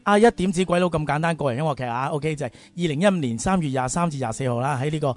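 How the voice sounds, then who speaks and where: Fast-talking Hong Kong Cantonese man hosting radio. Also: on the high side. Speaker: radio show host. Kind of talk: conversational interview.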